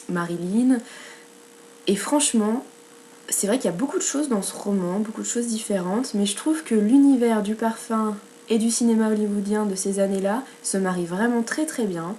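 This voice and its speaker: French lady doing a book vlog, lots of euh and restarts, warm low-key voice. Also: slight background noise. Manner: chatty, many fillers and self-corrections. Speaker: book blogger. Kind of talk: casual book review vlog.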